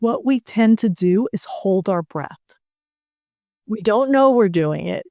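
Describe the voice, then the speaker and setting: A woman's voice: medium pitch, dark tone, no room sound, studio quality. A middle-aged woman, a leadership coach, speaking in a soothing way and leading a guest through breathing exercises. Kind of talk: calm guided coaching talk.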